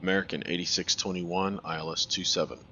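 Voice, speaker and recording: A man playing pilot on a cockpit headset, giving calm, clipped checklist callouts and radio calls. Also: sits low, fast talker, highs cut off, noisy background. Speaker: flight simulator player making pilot radio calls.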